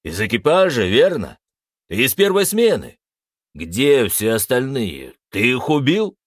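A man's voice: mid-range voice, big pitch swings, slow, dry recording, clean studio sound, voice pushed up. A man voicing a burly hot-headed brute. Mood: suspicious. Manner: shouting, aggressive, accusing. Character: burly hot-tempered male brute, threatening.

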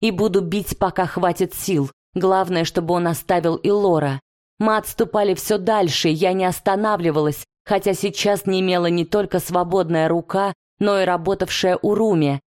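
A woman's voice: on the low side, steady tone, normal speed, darkish tone. A woman narrating a first-person fantasy audiobook with intense, dramatic delivery.

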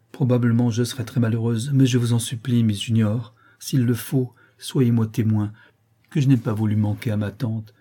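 A man reading aloud, voicing a gentle, tearful young orphan girl who stays firm in her convictions, in a husky voice. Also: mid-range voice, lightly acted.

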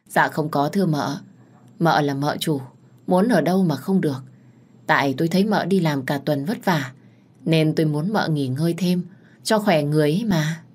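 A woman's voice: deep voice, normal speed, a little mellow, slightly rough. A woman voicing an older female household servant, polite to her mistress and harsh when scolding the young maid. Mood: deferential.

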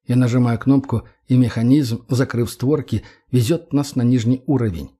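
A man narrating a first-person audiobook in short, clipped, measured phrases. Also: medium pitch, mellow, breathy edge.

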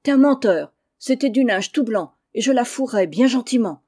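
Woman voicing a shrill, loud old peasant wife in a storybook. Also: lively intonation, normal speed, slightly rough. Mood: furious. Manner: shrill and loud, rustic speech.

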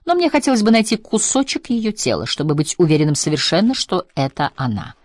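Brief: a weary male agent, deep and sonorous, put on by a female narrator. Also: sing-song, fairly quick, no echo. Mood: dry. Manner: mesmerizing, deep delivery. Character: sonorous low-voiced tired male agent.

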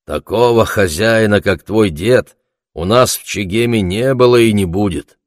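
A man voicing a lean, stubborn male shepherd of about sixty, who speaks bluntly and forcefully. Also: on the low side, measured pace, dry recording, clean studio sound, close to an everyday voice.

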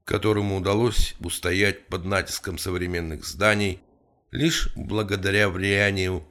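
A man narrating an audiobook in an even, measured storytelling manner. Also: low voice. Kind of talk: scripted narration.

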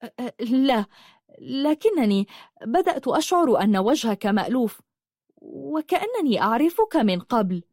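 Shy earnest young woman in an audiobook, flustered and halting, read by a woman. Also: a little high, sing-song, darkish tone, no room sound, studio quality. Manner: flustered, stammering.

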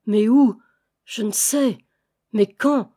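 A woman reading aloud, voicing a startled male steward who speaks in halting, puzzled phrases. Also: fairly high pitch, mellow.

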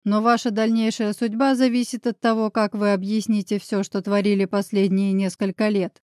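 A woman's voice: mid-range voice, little pitch movement, normal speed, a little mellow, no room sound, close to an everyday voice. A woman reading the part of a stern, demanding young man in an audiobook, voice close and dry. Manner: curt, demanding. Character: stern determined young man, narrator-hero.

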